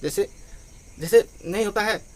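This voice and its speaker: High-voiced man teaching grammar. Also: a little slow. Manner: explains step by step, repeating phrases and adding "ठीक है". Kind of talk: online grammar lesson.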